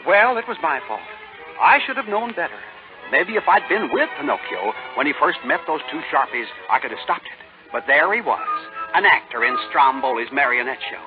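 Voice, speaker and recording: A small, folksy cricket conscience, rueful and wry as he narrates. The pitch is high and leaps about expressively, on a muffled 1930s radio drama recording. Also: very animated, brisk, music in the background. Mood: regretful.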